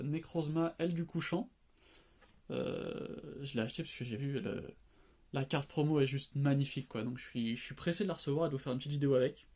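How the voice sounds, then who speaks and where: A man hosting his own channel, chatting casually and excitedly while opening cards, with many fillers and sighs. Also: medium pitch. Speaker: card-opening channel host. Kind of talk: casual chat.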